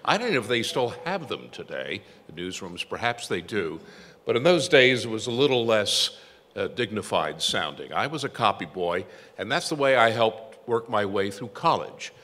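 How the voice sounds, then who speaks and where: Older man, tribute speech, self-deprecating storyteller, lowish bright voice, long hall reverb. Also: very animated, moderate pace. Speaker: tribute speaker, former newsroom copy boy. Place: event hall.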